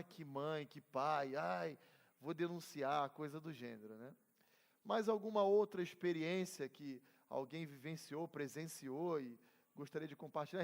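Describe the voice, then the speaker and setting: High, gravelly Brazilian pastor teaching class. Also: male voice, a little mellow. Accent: Brazilian Portuguese. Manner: conversational, asks the class questions and calls on members; tells personal stories with humor. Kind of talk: interactive Bible class teaching. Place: church hall. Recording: reverberant church hall.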